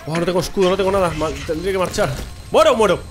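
A young man giving excited, shouty live commentary over his own gameplay, swearing and laughing at himself. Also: high voice, racing, a little hiss or hum. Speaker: gameplay streamer.

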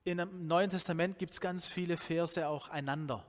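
A man's voice: a little high, normal speed. A Swabian man in his forties preaches with a slightly raised voice, talking to the congregation as if in conversation and restarting phrases as he goes. His headset mic picks up a long, lingering reverb from the church hall around him. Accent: Swabian German. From Swabia, Germany. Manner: conversational, animated, with many restarts and fillers. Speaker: pastor. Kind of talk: sermon.

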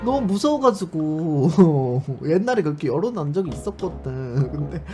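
Animated male streamer over loud music. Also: fairly high pitch, moderate pace. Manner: animated and expressive, given to sudden shrieks. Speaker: live streamer. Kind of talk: casual live-stream chat.

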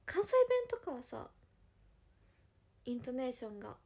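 Young woman, Hiroshima dialect, high bright voice, giggly livestream chat. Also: sing-song. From Hiroshima, Japan. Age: young adult. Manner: chatty, giggly, drawn-out musing. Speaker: idol livestreamer. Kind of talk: casual livestream chat answering viewer comments.

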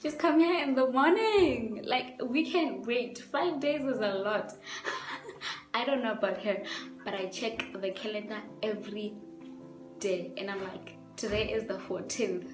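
A woman chatting excitedly to the camera in a casual vlog. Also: medium pitch, unhurried. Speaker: guest on vlog. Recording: roomy echo with music.

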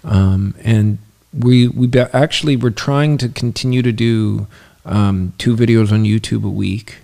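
A man in his thirties co-hosting a home podcast, talking in a relaxed, halting way with many ums into a studio mic. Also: fairly low pitch, creaky. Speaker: podcast co-host. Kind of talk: casual chat. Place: living room at home. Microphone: studio mic on boom arm, headphones.

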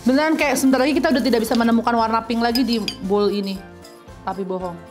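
Fast and on the high side, this Betawi-accented woman in her thirties is a guest in a casual chat. Recorded in a bright room indoors with faint music behind her, she talks animatedly and plays around with put-on voices.

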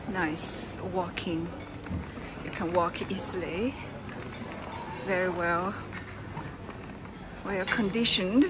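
Walking through a big airport terminal, a woman vlogger narrates a laid-back tour in slow, simple, halting phrases. Her voice is mid-range, captured on a camera mic with the bustle of the terminal behind her.

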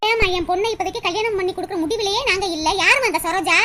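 A woman voicing a proud, sharp-tongued village mother in a cartoon. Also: extremely high pitch, noisy background. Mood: angry. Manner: scolding, haughty and rapid. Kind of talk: cartoon voice acting.

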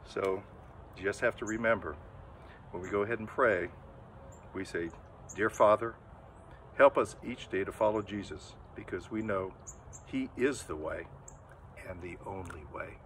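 Fairly low-pitched and measured, pausing often, an older man gives a children's sermon in front of a church outdoors, with slight background noise. He stands full figure before a camera a few metres away, storytelling lively and casually, acting out inner voices and gesturing a lot.

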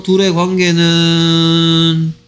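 Slow-paced Korean English teacher checking students. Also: male voice, on the high side, monotone, a bit bright, faint music behind. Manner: repeats "됐습니까?" to check understanding; slow, drawn-out delivery of English phrases. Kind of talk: exam-prep English lesson.

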